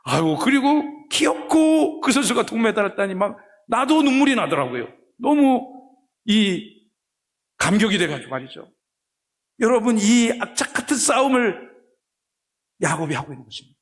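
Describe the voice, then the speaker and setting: A middle-aged man preaches from the pulpit of a church sanctuary. His voice sits high for a man, and he delivers a sermon full of animated storytelling. He slips into other characters' voices in a folksy way as he tells the story. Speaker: pastor.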